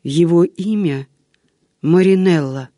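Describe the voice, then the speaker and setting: A man's voice: on the high side, slow pace, no room sound, studio quality. A man voicing a frightened, trembling young woman. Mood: fearful pleading. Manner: soft trembling pleading.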